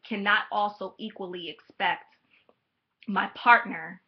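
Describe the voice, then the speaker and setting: A woman in her thirties talking candidly to camera on her vlog, wandering off on tangents and pausing with soft ums. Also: medium pitch, steady tone, lo-fi sound. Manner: candid, rambling, drifts into tangents; soft-spoken and hesitant with frequent ums. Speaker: vlogger. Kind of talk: personal vlog talk to camera.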